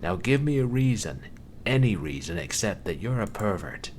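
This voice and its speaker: A man's voice: on the low side, sing-song, moderate pace, a little mellow, pitched above the performer's own voice. A man voicing an exasperated, skeptical police detective in game dialogue, with an incredulous, challenging manner. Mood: incredulous, stern. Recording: clearly noisy background.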